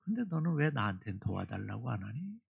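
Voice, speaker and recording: Male pastor as God: soft, patient, consoling, husky. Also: fairly low pitch, level tone, fairly quick, pitched below the performer's own voice, full character voice. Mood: tender. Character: gentle, patient divine voice speaking to a believer.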